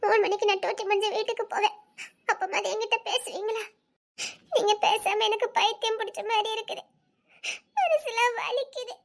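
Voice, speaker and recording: A woman's voice: very high-pitched, fairly quick. A woman with a Tirunelveli Tamil accent playing a heartbroken young woman who pleads tearfully, with nervous laughs. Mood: pleading, hurt. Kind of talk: romantic short-drama acting.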